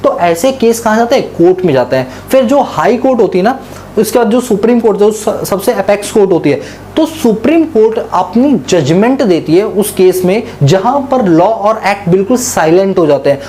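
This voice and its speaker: A man delivers a classroom tax lecture in a soft, mellow voice. He keeps quizzing his students and supplies the answers himself, switching into English for key terms. Quoted passages come slowly and deliberately, over a faint hum of background noise. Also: high-pitched, animated. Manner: asks the class questions and answers them himself; mixes English terms into Hindi speech.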